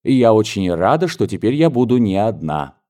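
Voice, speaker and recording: A man reads a soft-hearted elderly mother from a classic novel, gentle and soothing. The voice stays low and dark. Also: sing-song, moderate pace.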